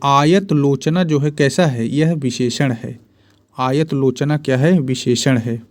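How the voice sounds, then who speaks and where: Taking his time, a medium-pitched male teacher preps students for exams in Hindi spelling and grammar. Each word gets said twice over, and he poses questions only to answer them himself.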